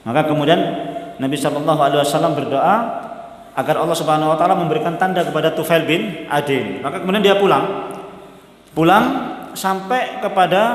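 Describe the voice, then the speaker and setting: A man giving a religious study lecture, tagging nearly every phrase with a quick "ya". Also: on the high side. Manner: ends almost every phrase with a tag word "ya". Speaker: Islamic teacher. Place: mosque hall. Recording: echoey mosque hall with long reverb.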